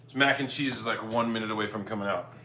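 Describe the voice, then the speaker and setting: Speaking at a quick pace in a voice on the low side, a man hosts a live cooking stream from his home kitchen, chatting informally and thinking aloud to viewers. Dishes and cutlery clatter clearly in the background.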